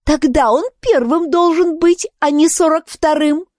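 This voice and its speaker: A woman's voice: unhurried, a little mellow, no room sound, clean studio sound. A woman voicing Alice, a bold young girl who protests and argues in a storybook poem. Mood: arguing. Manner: high, protesting, argumentative.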